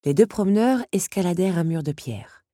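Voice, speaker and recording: A woman narrating a storybook in a measured, even voice. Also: on the low side, dry recording, studio quality. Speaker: audiobook narrator. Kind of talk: scripted narration.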